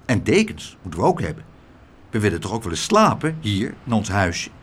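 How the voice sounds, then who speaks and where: A man voicing a prim, indignant older spinster with a shrill, scolding manner. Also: wildly swooping pitch, a little fast, breathy edge, full character voice. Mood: fussy.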